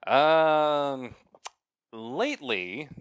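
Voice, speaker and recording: A man co-hosting a casual podcast, talking slowly with many fillers and wry complaints. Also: on the high side, animated, smooth, no echo. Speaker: podcast co-host.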